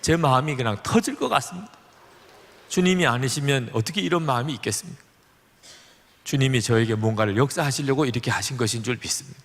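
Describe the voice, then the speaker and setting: A man's voice: quick pace, fairly bright tone. A middle-aged male pastor preaching a sermon, telling a story and acting out the voices in it. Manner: storytelling, acting out dialogue with shifts of pitch. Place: large church hall. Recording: long hall reverb.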